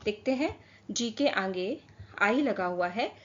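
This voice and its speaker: A woman's voice: mid-range voice, animated, fairly bright tone. A woman teaching a phonics lesson to children, stretching out each example word and asking questions as she goes. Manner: slow, drawn-out word modelling with repeated questions. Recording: dull lo-fi sound.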